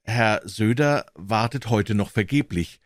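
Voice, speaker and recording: A man narrating a comic classic story in a lively, expressive reading. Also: fairly low pitch, measured pace, no echo, clean studio sound.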